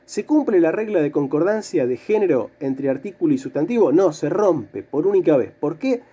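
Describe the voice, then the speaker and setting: A male teacher walks through a grammar lesson, asking questions and answering them himself. His voice sits fairly high and swings widely in pitch. The tone is mellow and warm, and he drags out syllables to stress them. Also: expressive, moderate pace, slightly rough. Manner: patient, repeats key words and stretches syllables to stress them.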